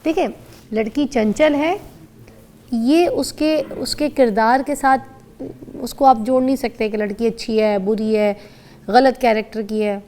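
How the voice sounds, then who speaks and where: A woman's voice: fairly high pitch, dark tone, a little hiss or hum. A middle-aged woman with a Pakistani accent hosting a morning TV show, chatty, teasing and opinionated. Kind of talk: casual TV chat. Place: TV studio.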